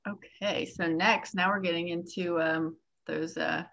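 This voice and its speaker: A woman's voice: fairly low pitch, steady tone, measured pace, gravelly, fairly bright tone, highs cut off. A woman moderating a panel informally, handing over to speakers.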